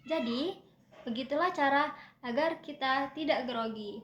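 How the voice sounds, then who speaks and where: High-voiced young woman presenting a lesson. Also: a little slow, a bit bright, reverberant. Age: young adult. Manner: explanatory, demonstrates vowels and breathing aloud. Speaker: student presenter. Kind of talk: classroom presentation on public speaking.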